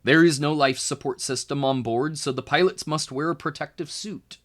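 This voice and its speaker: With a slightly high voice, a man tutors by reading a children's book aloud. He gives expressive, educational narration, choosing his phrasing deliberately and stressing key words.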